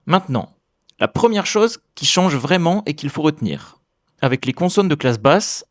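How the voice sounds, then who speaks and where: A man teaching a language in a scripted explainer lesson, with a clear, steady and upbeat delivery. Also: a little high, no room sound, clean studio sound.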